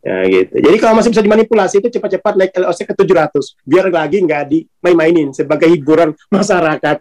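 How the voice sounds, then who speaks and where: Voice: medium pitch, lively intonation, quick pace, few pauses, darkish tone, poor audio. A speaker on a spiritual channel giving a casual talk, informal and colloquial, often laughing between points. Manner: colloquial, with many tag words at sentence ends.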